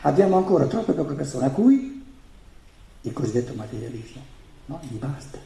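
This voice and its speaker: A man's voice: mid-range voice, very animated, moderate pace, vocal fry, warm tone. A man, a native German speaker with a German accent in Italian, giving an emphatic spiritual lecture full of repetition and rhetorical questions. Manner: emphatic, repeats phrases and poses rhetorical questions. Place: indoor room with an audience. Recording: roomy, echoing live talk.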